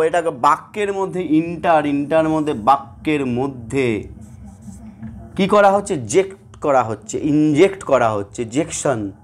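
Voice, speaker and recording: A man with a Bengali accent teaching a grammar lesson to students, explaining step by step and often asking them questions. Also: on the high side. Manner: explanatory, asks students questions, acts out sample sentences.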